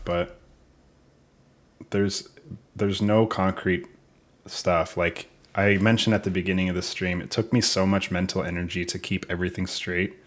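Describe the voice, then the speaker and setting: A young man giving casual developer commentary over his game, thinking aloud and unsure of the order. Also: deep voice.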